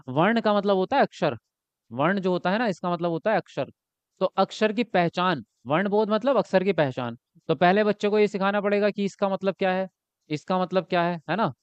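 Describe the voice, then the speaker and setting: A man's voice: high voice, smooth, no room sound, highs cut off. A man teaching an exam-prep lesson, asking questions and answering them himself, often ending points with a checking tag.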